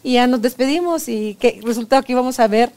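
Woman, podcast host, playful storyteller, mellow. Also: on the high side, a little fast, smooth. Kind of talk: casual podcast conversation.

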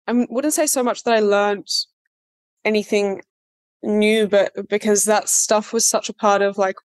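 A woman's voice: mid-range voice, steady tone, a little slow, clear, resonant tone. Chatty young woman. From Australia. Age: 20s. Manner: chatty, many fillers and restarts, laughs easily. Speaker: actor being interviewed. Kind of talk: casual interview chat.

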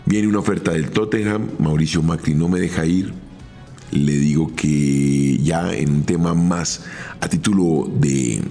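A middle-aged man with a Colombian accent, a former footballer telling his own career story in a measured, step-by-step podcast monologue. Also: a bass voice, dark tone, soft background music. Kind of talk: first-person podcast storytelling.

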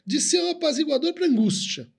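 Co-hosting a conversation, a man lectures through concepts, frequently ending sentences with a questioning "né?", or "right?". He speaks at an extremely high pitch, expressive and brisk, with vocal fry.

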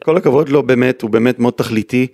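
A male football pundit in a casual chat breaks down plays in detail and emphatically cites statistics. His voice is medium-pitched and a little mellow, recorded with studio quality and no echo.

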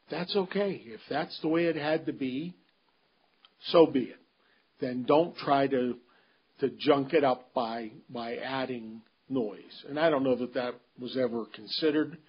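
A man giving a casual solo recap of a golf tournament, pausing often with ums and restarting his sentences. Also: mid-range voice, breathy edge, highs cut off. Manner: halting, many ums and restarts, measured. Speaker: golf commentator. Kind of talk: unscripted solo commentary.

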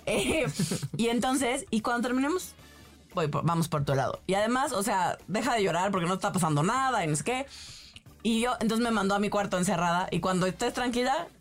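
A woman's voice: mid-range voice, brisk, soft background music. A woman with a Mexican accent, a podcast host chatting casually and telling a story with frequent laughter. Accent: Mexican Spanish. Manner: lively storyteller, laughs often. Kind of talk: casual chat.

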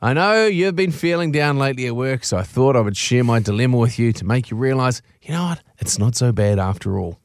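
On a dry recording, a man's mid-range voice moves briskly with hardly any pauses as he co-hosts a radio show. Blokey and full of slang, he chats casually in the studio and gives an animated reading of a funny anecdote.

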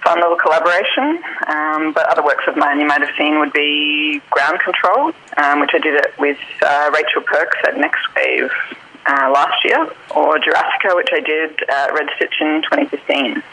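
A woman's voice: sits low, moderate pace, pushed and bright, a little hiss or hum, low-quality recording. A woman in her thirties with an Australian accent, a theatre director chatting as a guest, laughing often between thoughts. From New South Wales, Australia. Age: 30s. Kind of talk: casual interview over the phone. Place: car rental shop at a train station.

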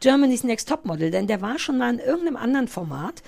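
A woman's voice: fairly high pitch, creaky. A woman co-hosting a casual chat about TV, telling stories with fillers and acting out what people said. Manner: lively storyteller, quick to act out quotes; conversational, with fillers and self-corrections. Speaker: podcast co-host.

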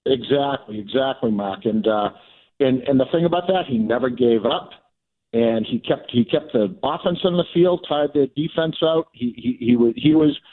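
A man calls a radio show and talks sports over the phone. His voice is mid-pitched, and he is casual and emphatic, repeating his points. The phone line makes the sound thin. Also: moderate pace. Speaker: radio caller.

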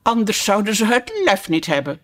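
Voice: mid-range voice, sing-song, normal speed, fairly bright tone, pitched above the performer's own voice. A storyteller voicing a haughty, imperious female tiger lily who scolds the other flowers in a grand, bossy manner. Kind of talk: audiobook character voice.

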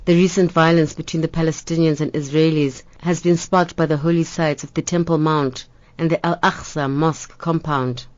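A woman's voice: sits low, steady tone, moderate pace, a little mellow, no echo, highs cut off. Woman, dry news narration. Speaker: news reporter. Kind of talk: scripted news report narration.

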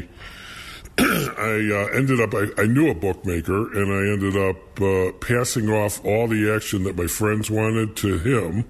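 An older man speaking through a deep, pitch-lowered disguise as an anonymous bookie, answering interview questions in a halting way with many fillers.

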